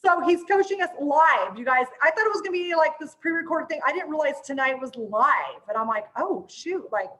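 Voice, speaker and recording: A woman host giving a casual promotional chat in an informal, excitable, chatty manner. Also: high-pitched, a little fast, few pauses, low-quality recording.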